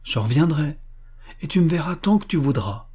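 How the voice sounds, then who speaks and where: A man's voice: a little high, animated, moderate pace, dark tone, husky, voice pushed up. A man voicing a stern but kind young tutor, speaking with firm, patient reproach. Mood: gentle.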